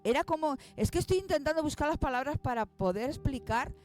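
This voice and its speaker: Lady in her 40s telling her story, emotional, acts out the voices, soft music behind. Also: high voice, expressive, brisk. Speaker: guest. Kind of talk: personal testimony.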